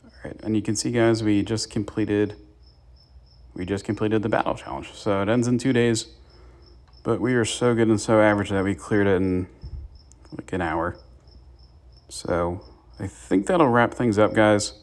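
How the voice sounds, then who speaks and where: A young man with a fairly low, steady voice speaks at a moderate pace while hosting his gaming channel. His commentary is casual and chatty, full of tips for viewers.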